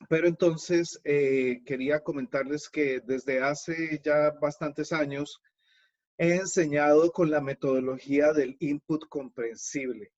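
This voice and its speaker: A man presenting a live webinar over a video call. He talks slowly in a slightly high voice and explains each point patiently to his viewers. The audio is dull and lo-fi. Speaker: webinar host and Spanish teacher.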